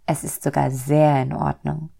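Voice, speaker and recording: A woman as a gentle, patient God. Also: low-pitched, a little slow, gravelly, husky, full character voice. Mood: calm. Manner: gentle, calm explaining. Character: kind, calm, patient God, fatherly. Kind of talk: storybook reading.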